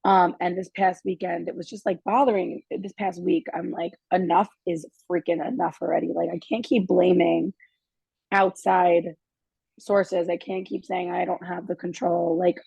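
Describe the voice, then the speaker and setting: A woman with a hoarse, worn voice, sharing her story earnestly on a group video call with lots of fillers. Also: on the low side, level tone, a little slow, mellow, no room sound, lo-fi sound. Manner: earnest, confessional, many fillers. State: hoarse, has lost her voice.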